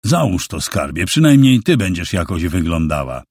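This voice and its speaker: A man voicing a gruff, sardonic older man with a hoarse voice. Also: low-pitched, big pitch swings, normal speed, a little mellow, no room sound, clean studio sound, heavily acted.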